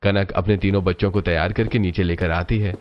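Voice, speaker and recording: A man narrating a cartoon family story in a steady, even storytelling manner. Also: low-pitched, fairly quick, lo-fi sound. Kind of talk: scripted narration.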